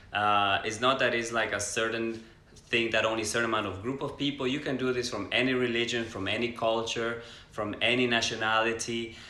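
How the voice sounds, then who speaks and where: A man's voice: mid-range voice, sharp tone, roomy sound. A man from Ecuador, a yoga teacher co-hosting a live stream, talking in an earnest, expansive way about spiritual ideas. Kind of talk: casual live stream chat.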